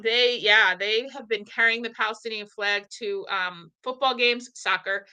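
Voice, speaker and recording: A woman from the Northeastern US hosting a podcast, talking in an animated, blunt way and swearing casually. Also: fairly high pitch, normal speed, clear, resonant tone, poor audio. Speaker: podcast host. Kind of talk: casual conversation.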